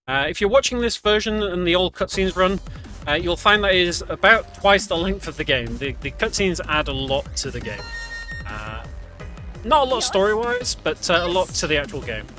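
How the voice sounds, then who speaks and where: A man with a high, very animated voice talks at a normal speed through a video game walkthrough, with game music behind him. His commentary is casual and explanatory, and he guides the viewer using "we".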